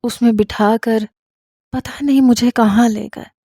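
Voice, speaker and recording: Mellow-voiced woman narrating a tragic story. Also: on the high side, fairly even intonation, no echo, studio quality. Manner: emotional, intense storytelling. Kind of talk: scripted first-person dramatic narration.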